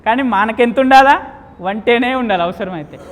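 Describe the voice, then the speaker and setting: Animated trainer. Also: male voice, very high-pitched, normal speed. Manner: animated, quizzes the audience and acts out dialogues. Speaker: real estate sales trainer. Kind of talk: live training seminar lecture. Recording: long hall reverb.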